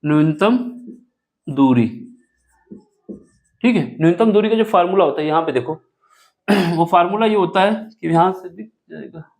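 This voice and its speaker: A man's voice: high-pitched, moderate pace, vocal fry, long pauses, darkish tone. A man teaching a board-exam math lesson step by step, asking questions and answering them himself. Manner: asks rhetorical questions and answers them, self-correcting aloud.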